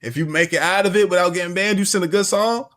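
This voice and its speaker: A man's voice: high-pitched, fast talker, a bit bright. A man streaming and reacting to a video, talking in a loose, rambling, slang-heavy casual way. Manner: slangy, loose and rambling, lots of "you feel me". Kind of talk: casual chat.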